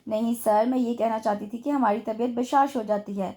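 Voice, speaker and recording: A woman's voice: on the high side, fairly even intonation, normal speed, warm tone, close to an everyday voice. A woman voicing a flustered but feisty young female office worker who chatters nervously.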